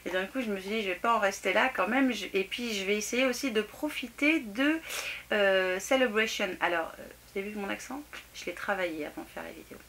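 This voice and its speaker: Chatty bright-voiced French woman vlogger. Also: medium pitch, fast, creaky. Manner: chatty, laughing, self-mocking, lots of fillers. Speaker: craft vlogger. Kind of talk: casual haul chat to camera. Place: home room near a table.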